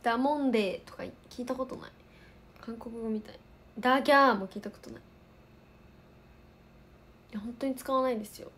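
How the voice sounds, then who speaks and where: With a fairly high pitch and a steady tone, this Osaka woman in her twenties talks a little fast but leaves long pauses. She's an idol livestream host who chats casually in a light Kansai accent while answering viewer comments.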